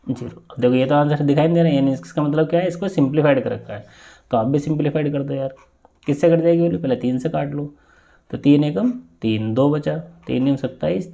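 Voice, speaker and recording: A man teaching an exam-prep maths lesson, explaining step by step and often asking if it is clear. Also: medium pitch. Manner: steady step-by-step explaining with frequent check-in questions.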